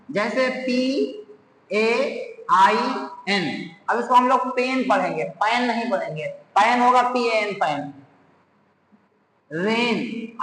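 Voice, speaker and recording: Slow, high-voiced male teacher in echoey room. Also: fairly bright tone, a little hiss or hum. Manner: slow, spells out words letter by letter. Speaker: English teacher. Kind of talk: classroom grammar lesson. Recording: echoey room with long reverb.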